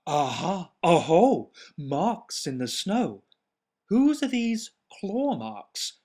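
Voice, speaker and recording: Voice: mid-range voice, big pitch swings, drawn-out words, darkish tone, pitched above the performer's own voice, full character voice. A storyteller voicing a brave, curious young girl monster in a children's storybook.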